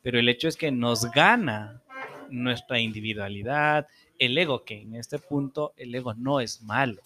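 A man speaks as a psychologist guest on a podcast. His voice sits at a middle pitch, and he explains things in a calm, measured way.

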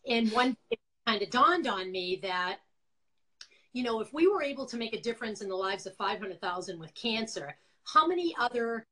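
A woman's voice: a little high, very animated, moderate pace, pushed and bright, poor audio. A talkative middle-aged woman with a Boston accent, chatting casually as an interview guest and telling her own story. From Quincy, Massachusetts, USA. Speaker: interview guest, former nonprofit founder. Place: indoors, on a video call.

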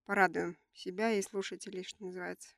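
A woman's voice: fairly low pitch, little pitch movement, brisk, vocal fry, a bit bright, dry recording, studio quality. A woman co-hosting a conversational podcast, sounding nasal with a stuffy nose from a cold. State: has a cold. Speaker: podcast co-host. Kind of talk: conversational podcast discussion with prepared facts.

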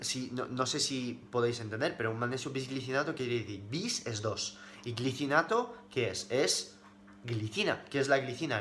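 A man from talks casually on a livestream, answering viewers' questions. His voice is bright and forceful at an ordinary middle pitch. He keeps explaining step by step, repeating himself and tagging sentences with quick checks. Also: a little hiss or hum. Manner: explanatory, repeats points, frequent fillers and tag questions.

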